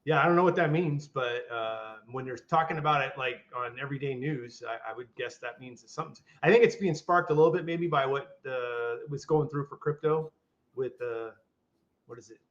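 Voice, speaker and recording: A man's voice: mid-range voice, normal speed. An older man co-hosting a podcast in casual chat, rambling with restarts and fillers. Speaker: podcast co-host. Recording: dull lo-fi audio.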